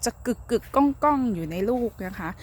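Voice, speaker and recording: A woman's voice: a little high, lively intonation, fairly quick, slight background noise. A woman chatting casually while showing how to check watermelons in a field, talking politely and tapping the fruit. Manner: chatty, polite particles, taps and listens to fruit. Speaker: organic farm seller. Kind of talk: casual demonstration.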